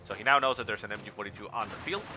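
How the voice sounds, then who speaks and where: A man's voice: fairly low pitch, racing. Nasal, stuffed-up male game commentator. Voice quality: nasal, congested voice. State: sick with a stuffy nose. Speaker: esports match commentator. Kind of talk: live strategy game commentary. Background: video game battle sounds and music.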